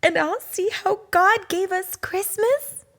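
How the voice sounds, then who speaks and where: A woman voicing a curious little girl bear cub, high, eager and full of wonder. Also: takes it slowly, fairly bright tone, exaggerated voice.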